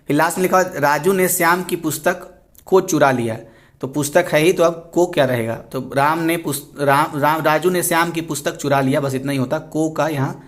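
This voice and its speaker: Man, Hindi tutor, higher voice, patient step-by-step explainer. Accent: Hindi, Indian. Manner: explains step by step, repeats words. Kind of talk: explaining test answers.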